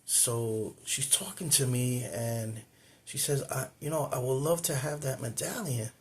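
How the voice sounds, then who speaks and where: A man with a medium-pitched, darkish voice speaks unhurriedly on his own cultural video channel, recorded indoors facing the camera. He rambles casually through a personal story, often repeating himself and starting over.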